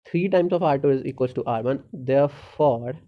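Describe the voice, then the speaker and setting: A man tutoring through exam problems, thinking out loud step by step in a halting, unscripted way with pauses and self-corrections. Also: mid-range voice. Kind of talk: unscripted problem-solving lesson. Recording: dull lo-fi microphone.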